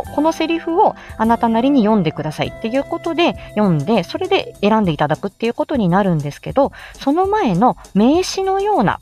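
This woman's voice is a little high and a little mellow. Presenting an informal livestream, she teaches how to make voice samples in a chatty, explanatory way, greeting listeners by name; she's a speech therapist and amateur voice actor.

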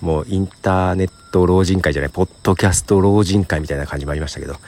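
A middle-aged man podcasting alone in a hushed, half-whispered ramble, tired, recorded on an empty train platform. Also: deep voice, racing. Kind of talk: casual solo monologue.

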